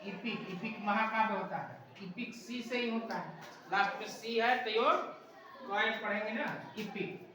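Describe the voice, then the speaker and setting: A woman's voice: medium pitch, measured pace, background noise. A woman teaching an English class, quizzing her students with repeated questions and tag checks. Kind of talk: classroom lesson. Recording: echoey room recorded from far off.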